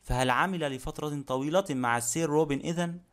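A man doing a calm, shrewd detective. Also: on the high side, fast talker, clean tone. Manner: calm, courteous questioning. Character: polite, shrewd male detective. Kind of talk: audiobook character reading.

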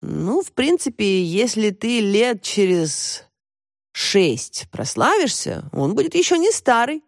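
A woman voicing a worldly teenage girl who teases her friend in a brisk, wry way in an audiobook. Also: mid-range voice, sing-song, dry recording, studio quality, voice pushed up. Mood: teasing. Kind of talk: audiobook character voice.

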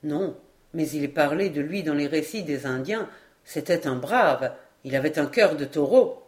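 A grave, dignified Patagonian man speaks slowly and solemnly, as a woman reading the story puts him on. His voice sits low and measured in an audiobook reading. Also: a little mellow, lightly acted.

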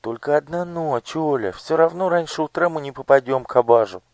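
A man's voice: fairly high pitch, normal speed, no room sound, pitched above the performer's own voice, lightly acted. A man voicing a timid, hungry little girl who pleads and chatters eagerly. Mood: pleading.

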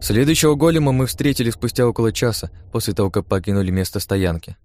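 A man narrating a first-person audiobook in a calm, even storytelling manner. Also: mid-range voice, fast talker.

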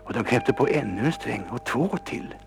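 A man reading a children's story aloud, lively and expressive, sometimes dropping to a whisper. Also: medium pitch, gravelly. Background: instrumental music.

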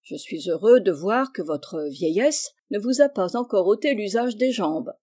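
A reader voicing a kind but firm middle-aged male doctor who is an uncle, read in a measured, instructive way. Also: medium pitch, lively intonation, warm tone.

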